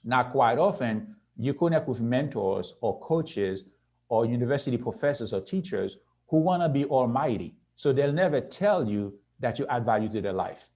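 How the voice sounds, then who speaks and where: A man in his sixties speaks at a youth conference, earnest and steady, often checking in with his listeners. His voice sits at an ordinary middle pitch, and his pace slows and quickens as he makes his points. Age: 60s. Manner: earnest, repeats "right?" to the audience. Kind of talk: motivational presentation.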